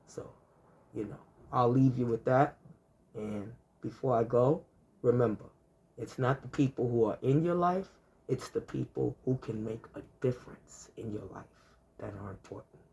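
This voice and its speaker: Fifty-something vlogger, casual advice monologue, emphatic, repetitive, middle-pitched voice. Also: moderate pace, gravelly, a little mellow. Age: 50s. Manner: conversational, repetitive, peppered with "you know"; emphatic, stacks lists of examples.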